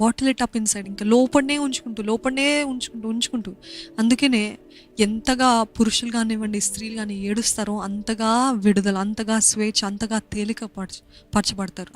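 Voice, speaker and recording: Young woman pastor, earnest sermon delivery, repeats her points, faint background music. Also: on the high side. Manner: switches between Telugu and English mid-sentence; earnest, repeats phrases for emphasis.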